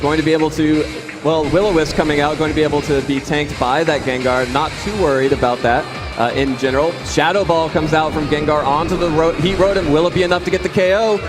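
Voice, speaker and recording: Over a cheering arena crowd and loud music, a man calls a gaming tournament live as an esports commentator, speaking fast at a fairly high pitch. His excited calls steadily build into big announcements.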